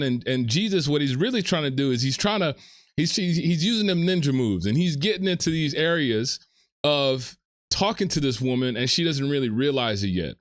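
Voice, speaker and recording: A man's voice: fairly high pitch, no room sound, studio quality. Casual slangy man retelling scripture. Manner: casual and slangy, with frequent repeats and fillers. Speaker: speaker retelling a Bible story. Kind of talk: casual storytelling sermon.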